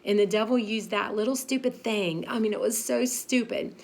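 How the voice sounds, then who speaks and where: A woman's voice: a little high, moderate pace, gravelly. A woman in her fifties, a pastor's wife, giving a frank, chatty devotional talk with lots of fillers and laughing at herself. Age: 50s.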